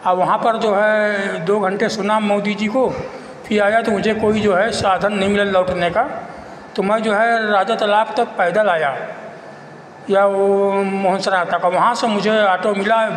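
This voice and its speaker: High-pitched man in an echoey room. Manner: halting, repetitive, rambling. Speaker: local citizen giving his account. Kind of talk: informal spoken monologue of complaint and appeal. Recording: echoey reverberant room with faint noise.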